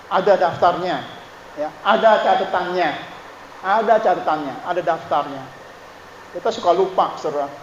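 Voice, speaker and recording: A man's voice: high voice, a little hiss or hum. A male pastor preaching a sermon in a conversational way, often checking in with the congregation. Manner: conversational preaching, frequent "ya" and "Saudara" asides. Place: church. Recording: dull echoey church hall.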